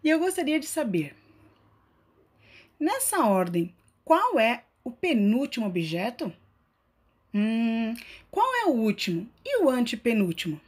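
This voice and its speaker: A woman's voice: fairly high pitch, very animated, a little slow, pauses often, breathy edge. A woman narrating a scripted grammar lesson as a teacher, stretching out key words.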